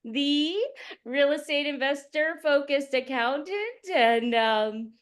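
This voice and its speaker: An upbeat woman hosts a livestream interview. She welcomes her guest with enthusiasm, and her voice sits a little higher than most. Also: slow. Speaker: host.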